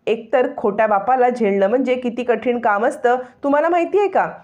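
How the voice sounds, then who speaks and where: A woman's voice: fairly high pitch, brisk, dark tone, lightly acted. A woman reading the lines of an irritable scheming young woman, in a dull lo-fi recording. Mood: indignant. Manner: indignant.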